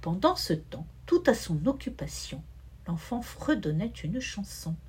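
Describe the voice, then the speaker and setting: Husky woman reading a children's story. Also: mid-range voice, a little slow. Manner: expressive, rhythmic listing.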